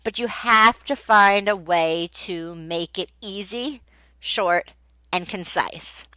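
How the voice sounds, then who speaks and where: A woman's voice: medium pitch, takes it slowly, pushed and bright, dry recording, rough recording. A woman giving tips on teaching English online, emphatic and repeating key words for effect. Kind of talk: casual advice video.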